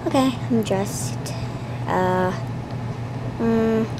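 Brief: young girl musing through game narration, slow, noisy room. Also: a little high. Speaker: young filmmaker narrating her game skit.

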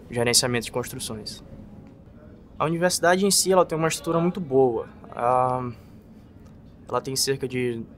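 Earnest young man, flat steady voice. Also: medium pitch. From northeastern Brazil. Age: young adult. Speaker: exchange student. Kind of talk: interview testimonial. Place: indoor campus building.

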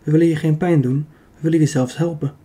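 A man reading an audiobook, voicing a self-assured young woman who calmly argues her plan. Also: a little high, fast talker, lightly acted. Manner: calm, persuasive. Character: very young woman, confident and clever.

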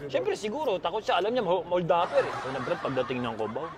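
A high-pitched man tells a funny story, animated and repeating his punchlines as he goes. Loud laughter from a crowd keeps breaking in around him. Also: fast talker. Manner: animated, repeats lines for effect, laughs while telling. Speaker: comedian telling a story. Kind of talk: comic storytelling to a laughing group.

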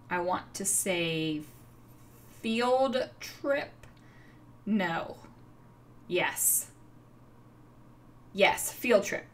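A middle-aged woman talks slowly through her scrapbooking, rambling and laughing at herself with plenty of fillers. She sits a little away from the mic, so her voice sounds distant over a faint background hiss. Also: mid-range voice. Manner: chatty, rambling, self-amused, lots of fillers. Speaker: scrapbooking video host. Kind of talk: casual crafting chat. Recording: far from the mic, faint noise.

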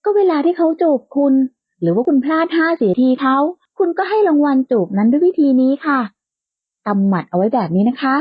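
A woman's voice: high-pitched, sing-song, a little fast, husky, dry recording, heavily acted. A woman voicing a bold, playful young woman who likes to tease, in a lightly lo-fi, dry recording. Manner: playful and outspoken, bright and teasing.

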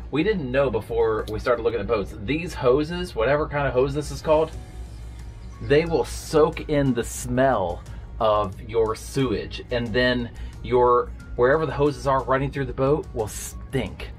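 A man in his thirties talks to viewers in a casual vlog from his catamaran, partly from a small cabin, while working on a project. He has a mid-range voice and a measured pace, with soft music in the background.

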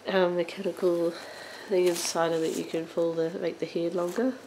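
A woman hosting her own doll collecting channel, describing a vintage doll in a casual show-and-tell with many ums and halting pauses, now and then coughing. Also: lowish voice, little pitch movement, darkish tone, a little hiss or hum, rough recording. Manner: hesitant, many ums and uhs, halting phrasing; occasional coughs. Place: indoors at home, on a sofa.

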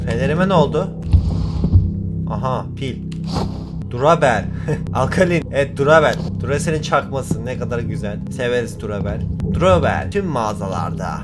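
A young man commenting on a horror game as he plays, joking and acting brave, with sudden startled outbursts. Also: medium pitch. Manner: jokey, mock-brave, talks to himself, sudden startled outbursts. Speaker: gaming YouTuber.

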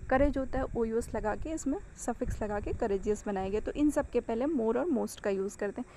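A fairly high-voiced woman with an Indian accent, teaching grammar rules and switching between Hindi and English. She walks through each rule step by step, poses questions to the class and answers them herself, and slows right down for the English rule lines. A faint hiss of noise sits under the recording. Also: warm tone, low-quality recording.

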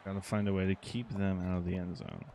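A man commenting out loud on his own football video game, reacting excitedly to each play. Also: sits low, quick pace, vocal fry, a little hiss or hum. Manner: excitable, reacting to plays aloud. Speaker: gaming channel host.

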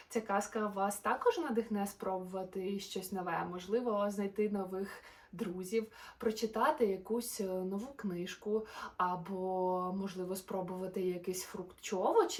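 A woman reading a rhyming children's story aloud. She is expressive and playful, changing her loudness and pace. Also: mid-range voice, recorded from a distance.

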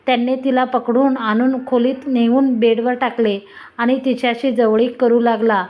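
A woman storyteller reading a romantic story aloud at a steady, even pace. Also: fairly high pitch, normal speed, dull audio.

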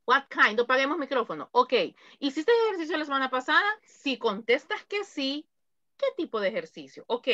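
A woman's voice: high voice, big pitch swings, pushed and bright, dry recording, highs cut off. Woman, English teacher, patient explaining, dry close sound. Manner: patient, explains slowly, repeats examples. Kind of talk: online class instruction.

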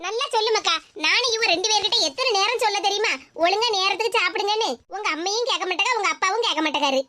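A woman's voice: very high-pitched, rapid-fire, a crowd in the background. A woman voicing a fussing, scolding village mother in a cartoon, with a Tirunelveli Tamil accent. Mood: complaining. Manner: scolding, grumbling. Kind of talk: cartoon voice acting.

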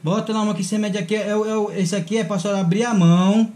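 A man's voice: high voice, fairly even intonation, fast, a little mellow. A man vlogging a prank, talking in a teasing, coaxing way and laughing often. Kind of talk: casual prank vlog.

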